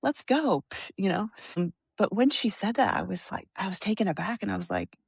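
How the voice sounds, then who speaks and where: A woman guest on a faith-based podcast, speaking thoughtfully and haltingly as she searches for words. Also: mid-range voice, creaky, slightly rough, no room sound.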